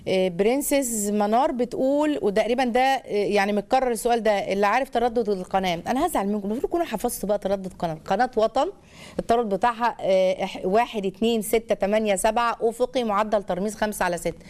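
Egyptian woman host, live call-in show, rapid chatty delivery, mid pitch. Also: darkish tone. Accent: Egyptian Arabic. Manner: fast, chatty, reading viewer comments.

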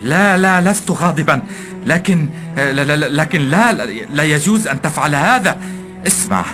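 A man's voice: fairly high pitch, expressive, moderate pace, voice pushed up, natural voice. A man voicing an exasperated middle-aged merchant who keeps insisting he is not angry while fuming. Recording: background music.

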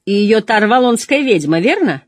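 A sneering, threatening male officer who spits his words through his teeth, as an audiobook reader puts him on. The voice sits raised above the reader's own and pushes out louder on its taunts. The recording is close and dry. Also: mid-range voice, very animated, normal speed, no room sound, voice pushed up, lightly acted. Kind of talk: audiobook reading.

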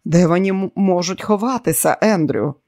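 A man's voice: high voice, expressive, normal speed, darkish tone, no room sound. Man reading a domineering, boastful villain, raised voice, dry audiobook sound. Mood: smug. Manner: boastful and commanding. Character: arrogant scheming man, quick to rage.

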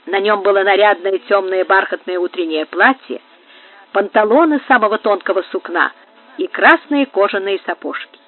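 A woman narrates an old period novel as an audiobook with dramatic storytelling. Her voice sits at a middling pitch for a woman. The recording is narrow and tinny, like a phone line. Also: normal speed. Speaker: audiobook reader.

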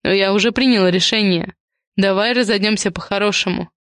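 A woman's voice: medium pitch, brisk, fairly bright tone, dry recording, clean studio sound, lightly acted. A woman reading a defensive middle-aged husband. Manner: defensive and blunt. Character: cornered middle-aged husband leaving his wife. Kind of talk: audiobook character reading.

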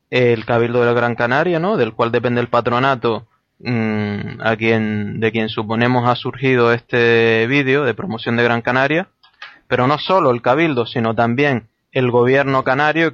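A man speaking on a debate panel, making a formal, measured closing point. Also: mid-range voice, fairly bright tone, dry recording, dull audio. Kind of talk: studio debate.

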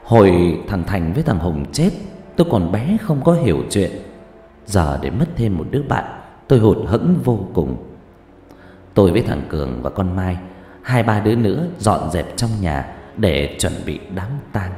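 A man's voice: deep voice, very animated, moderate pace, warm tone. A man narrating a first-person horror story expressively. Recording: roomy reverb with music behind.

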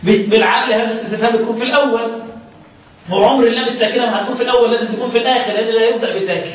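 A man with a fairly high voice and an Egyptian accent, teaching as a sheikh of Quran recitation. He chants lines of verse slowly, then explains them in a quick colloquial way, asking his listeners questions as he goes. His voice rings through a very echoey room from a mic set well back. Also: steady tone, recorded from a distance. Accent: Egyptian Arabic. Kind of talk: religious lesson explaining a chanted poem.

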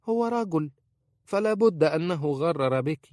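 A man's voice: a little high, animated, measured pace, no echo, clean studio sound, voice pushed up. Man voicing a harsh, scornful old woman. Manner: sharp-tongued, scolding.

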